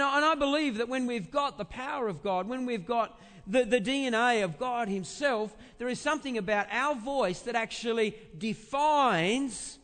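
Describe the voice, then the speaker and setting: A pastor preaches conversationally in a big voice that sits high with a fairly bright tone. He asks rhetorical questions and repeats phrases in halting fashion to drive points home, inside a large church with reverberant hall acoustics.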